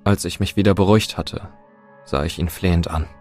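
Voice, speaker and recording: A man's voice: sits low, steady tone, fairly quick, darkish tone, faint music behind. A man narrating a scripted first-person horror story in a tense, dramatic way.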